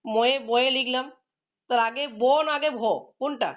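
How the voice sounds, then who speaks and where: A woman teacher leads a classroom lesson, explaining patiently and quizzing her students as she goes. Her voice sits a little high. The recording is dull and lo-fi. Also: steady tone, moderate pace, fairly bright tone. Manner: explains patiently, asks students questions and praises answers.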